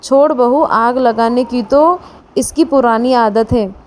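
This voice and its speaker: A woman's voice: on the high side, takes it slowly, slight background noise. A woman voicing a kind motherly mother-in-law. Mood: affectionate. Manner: gently coaxing, motherly.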